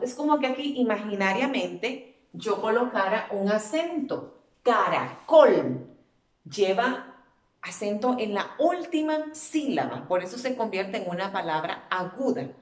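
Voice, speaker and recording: A woman teacher walks children through a spelling lesson at an unhurried pace, stretching out and repeating each word so they can hear the stress. Her voice sits at an ordinary pitch, and the room gives it a noticeable echo. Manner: patient, drawn-out repetition of words. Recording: echoey room.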